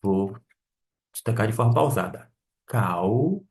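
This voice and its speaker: A man, his low voice moving at a very unhurried pace. He teaches a Bible Greek lesson, carefully repeating each word he explains. He sits a little back from the microphone. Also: animated, a little mellow, recorded from a distance. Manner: deliberate, pausing to spell out and repeat Greek words.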